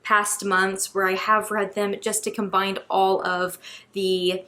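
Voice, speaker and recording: A woman's voice: mid-range voice, level tone, slow pace, bright, forceful tone. Chatty young woman reviewing books. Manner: chatty, many ums and likes. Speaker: book reviewer. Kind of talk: casual book review vlog.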